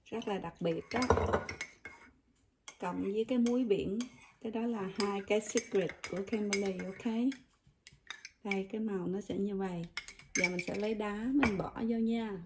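In a very noisy home kitchen full of plainly audible clinking dishes and utensils, a Southern Vietnamese woman walks her viewers through a recipe step by step. The cooking vlogger's voice is mid-range and steady, at normal speed with long pauses. Her casual demonstration is chatty and addressed straight to the audience.

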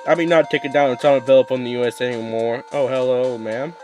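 A man's voice: mid-range voice, steady tone, fast talker, over music. A young man rambling through casual let's play commentary, swearing often and restarting his sentences. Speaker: gaming YouTuber.

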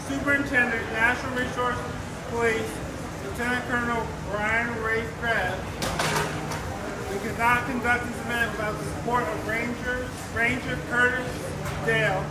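Male emcee, American, very high voice, halting formal read; distant in an echoey, noisy room. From Maryland, United States. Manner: halting, formal delivery in short phrases. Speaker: athlete emcee at a fundraiser. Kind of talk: prepared speech read aloud. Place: echoey indoor event room.

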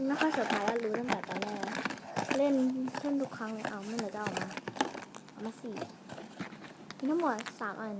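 A woman with a fairly high voice talks casually to her viewers while unboxing toys at home, wandering off into musings mid-sentence. It is a home camera recording with clear noise underneath. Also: brisk, pauses often. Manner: chatty, addresses viewers, trails off and muses aloud. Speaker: vlogger reviewing toys and snacks. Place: room at home.

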